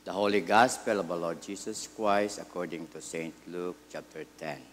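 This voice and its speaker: A man, a priest at Mass, solemnly reading scripture in deliberate short phrases in a large church. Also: sits low, a bit bright, slight background noise. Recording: echoey hall with long reverb.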